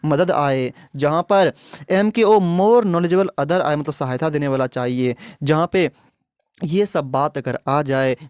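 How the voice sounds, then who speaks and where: Man, exam prep teacher, fairly high voice, repetitive explanations, dry close sound. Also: a little mellow, smooth, dry recording. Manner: repetitive, explanatory, often checks with "theek hai". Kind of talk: online exam coaching lesson.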